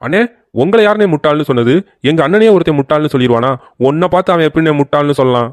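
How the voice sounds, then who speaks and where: A loyal, swaggering younger brother from a cartoon story rushes his lines, puffed up and ready for a fight, as a man acts him out. The voice sits in a mid register and sounds dry and close. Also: fairly high pitch, lively intonation, no room sound, lightly acted. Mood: eager.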